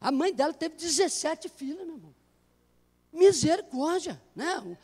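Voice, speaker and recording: A Brazilian man, a pastor, preaching a sermon in a church in an animated way full of jokes. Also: very high-pitched, unhurried. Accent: Brazilian Portuguese. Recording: long church hall reverb.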